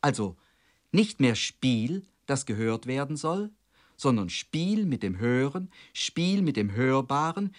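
A medium-pitched man reads a scripted radio lecture as a commentator. He's formal and measured, carefully phrasing long sentences.

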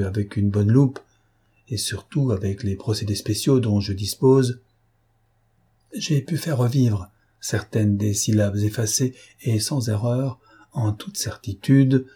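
A man voicing a suave gentleman thief in an audiobook, speaking gently and persuasively. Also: lowish voice, slow, slightly rough, heavily acted. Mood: probing.

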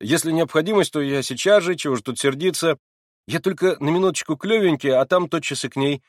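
A man reading a novel aloud and voicing an excitable young man who pleads and defends himself in a raised, plaintive voice. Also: a little high, fast talker, dry recording, clean studio sound, pitched above the performer's own voice, close to an everyday voice. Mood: pleading, agitated. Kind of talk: audiobook character reading.

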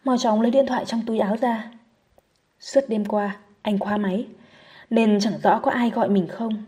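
A woman narrating a novel audiobook in a steady, measured reading style. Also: medium pitch.

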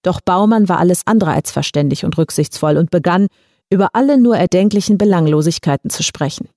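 A woman reading a short story aloud in a measured, even storytelling manner. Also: fairly low pitch, no room sound, studio quality. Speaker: audiobook reader. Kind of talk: scripted story narration.

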